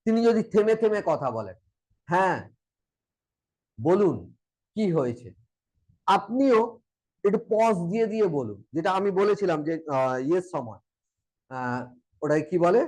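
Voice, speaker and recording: A man's voice: high-pitched, expressive, moderate pace, darkish tone, poor audio. A man with a Bengali accent teaching a coaching lesson, acting out short example conversations as he explains. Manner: explains with acted example dialogues. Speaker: mental wellness coach.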